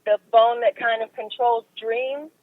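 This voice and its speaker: A woman who practises massage talks in a calm, explanatory way as an interview guest, calling in on speakerphone while she drives. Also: on the high side, unhurried, no room sound. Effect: speakerphone call from a car. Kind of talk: casual interview chat. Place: driving in a car. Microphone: phone on speaker. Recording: tinny dry phone line.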